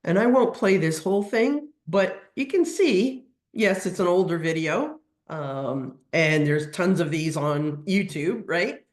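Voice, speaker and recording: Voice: mid-range voice, expressive, unhurried, hardly any pauses, reverberant. A veterinary technician giving an educational webinar lecture while suffering from a cold, explaining step by step with frequent ums and restarts. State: has a cold.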